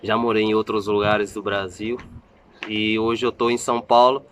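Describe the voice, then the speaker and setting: A man's voice: fairly low pitch, little pitch movement, moderate pace, a bit bright, echoey room, a little hiss or hum. A man in his thirties from Salvador, Brazil, talking casually to his vlog viewers in a chatty, self-mocking way, often restarting his sentences. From Salvador, Bahia, Brazil. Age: 30s. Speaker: family vlogger.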